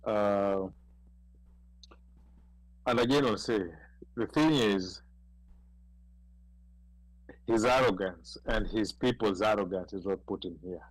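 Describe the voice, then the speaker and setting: A man's voice: fairly low pitch, slow pace, long pauses, no echo, poor audio. A man with a Kenyan accent in a casual panel discussion, talking emphatically and repeating words as he presses a point.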